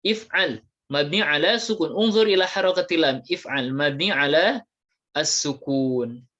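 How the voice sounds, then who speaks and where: A teacher giving an Arabic grammar lesson, slowly drilling word forms one by one with many repetitions. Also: mid-range voice, fairly bright tone, dull audio. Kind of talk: classroom lesson.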